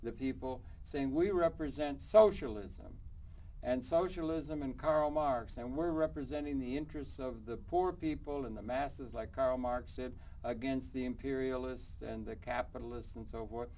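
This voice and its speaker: A talk show host introduces his guests on a public access interview program, rambling and groping for words. His medium-pitched, darkish voice moves at a moderate pace. The studio recording is rough, with a little hiss or hum.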